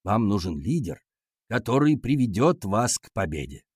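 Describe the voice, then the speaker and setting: A man voicing a stern but kind male schoolteacher in a lower, measured, lecturing tone with a husky voice. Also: big pitch swings, no room sound, studio quality. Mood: patient, lecturing.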